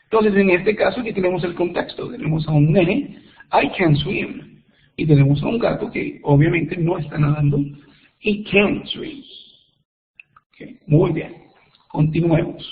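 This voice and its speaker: Man teaching over tinny web audio. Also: high-pitched. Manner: slow careful modeling of English examples. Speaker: English teacher. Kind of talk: online class lecture. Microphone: web conference.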